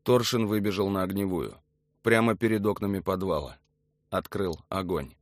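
A man narrating an audiobook in a lowish voice, steady and matter-of-fact. The recording is dry and close, with no room sound around it. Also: normal speed, no room sound. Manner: even, matter-of-fact storytelling. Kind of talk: scripted narration of a documentary book.

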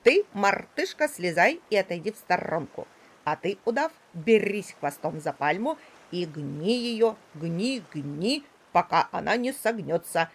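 A woman's voice: lowish voice, sing-song, unhurried, slightly rough, heavily acted. A woman voicing a practical, bossy male parrot who speaks in a firm, commanding way. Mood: matter-of-fact, bossy.

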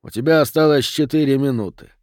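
A man doing a gruff weary police lieutenant. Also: medium pitch, brisk, dry recording, clean studio sound, lightly acted. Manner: blunt and exasperated.

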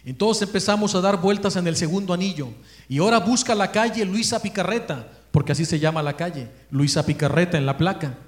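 A high-pitched man with a Mexican accent tells a story during a religious talk, lively and animated. He acts out the voices of the people in his story. The recording has a roomy echo. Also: a little fast. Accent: Mexican Spanish.

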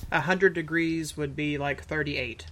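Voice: medium pitch, steady tone, measured pace, a crowd in the background. A podcast co-host chatting casually about a sci-fi series, rambling and acting out imagined lines along the way.

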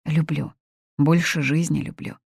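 A quiet, tormented grown son, read by a woman narrator in a storybook. He speaks softly with a dry irony, his voice low and gravelly. The sound is dry and close. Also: fairly even intonation, unhurried, no room sound, heavily acted. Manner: quiet, ironic.

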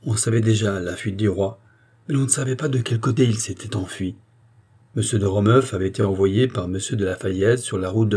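A man voicing an angry, vengeful guardsman who recounts his ride with fierce conviction, in a husky voice. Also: mid-range voice, warm tone, natural voice. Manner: fierce, vehement storytelling.

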